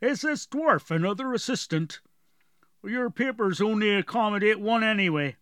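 A man's voice: high voice, lively intonation, normal speed, fairly bright tone, no echo, clean studio sound, pitched above the performer's own voice. A man voicing a brusque, officious male town gate guard. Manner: curt, officious.

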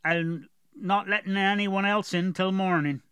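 A man's voice: high voice, steady tone, unhurried, pushed and bright, clean tone, no room sound, pitched above the performer's own voice. A man voicing a brusque, officious male town gate guard. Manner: curt, officious.

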